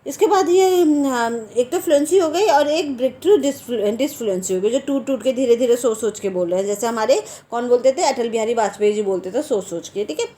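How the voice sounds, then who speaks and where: A woman gives an exam-prep lesson. She keeps a lively classroom rhythm, asking questions and answering them herself. She checks in often as she explains. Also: on the high side, brisk, few pauses. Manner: lively, asks and answers her own questions, repeats "theek hai". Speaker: teacher.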